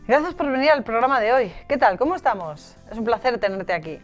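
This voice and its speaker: A woman's voice: on the high side, lively intonation, a little fast, faint music behind. A woman hosting a television interview, asking friendly, casual questions. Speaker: host.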